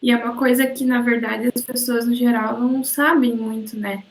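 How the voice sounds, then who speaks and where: A woman's voice: fairly high pitch, steady tone, normal speed, poor audio. A woman with a Brazilian accent, a student speaking up in an online class, hesitant and searching for words. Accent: Brazilian Portuguese. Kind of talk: class discussion. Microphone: video call.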